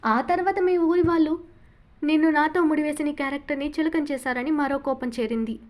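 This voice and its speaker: A woman's voice: high-pitched, fairly even intonation, a little fast, a little mellow, natural voice. A woman voicing a young man, an ardent and tender loving husband, in an audiobook novel reading, with a fond, coaxing manner. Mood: teasing.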